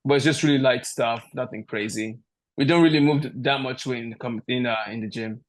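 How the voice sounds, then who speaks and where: This Nigerian man, a powerlifter appearing as a podcast guest, chats easily on a video call from a room at home, joking about himself. His voice sits at medium pitch and moves fairly quickly, picked up by a device a short distance away.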